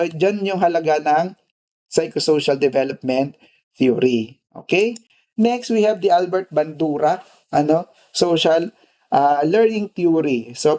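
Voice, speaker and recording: Filipino-accented male nursing lecturer, higher pitch, chatty, keeps checking in with his students. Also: warm tone. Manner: tags nearly every phrase with "di ba" and "no"; switches constantly between Filipino and English. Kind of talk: casual classroom lecture.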